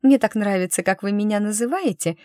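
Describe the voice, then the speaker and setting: A woman's voice: medium pitch, fairly quick, dark tone, no room sound, studio quality, pitched above the performer's own voice, natural voice. A woman reading an audiobook voices a bubbly, naive young noblewoman who talks in breathless, girlish exclamations. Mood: eager.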